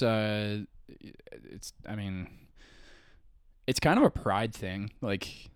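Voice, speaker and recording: A man's voice: lowish voice, clean tone, no echo, studio quality. A man in his early twenties co-hosting a podcast, chatting casually and rambling with lots of "like" and restarts. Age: early 20s. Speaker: podcast co-host. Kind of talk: casual chat.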